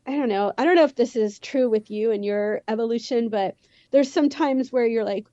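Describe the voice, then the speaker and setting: A woman's voice: on the high side, normal speed, mellow, no echo, muffled recording. Youthful Valley Girl woman, slightly lisping. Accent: Southern California Valley Girl. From San Fernando Valley, California. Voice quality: youthful, teenage-sounding voice; slight lisp. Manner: valley girl way of talking, rambling with frequent "like". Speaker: musician, podcast guest. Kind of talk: casual interview chat.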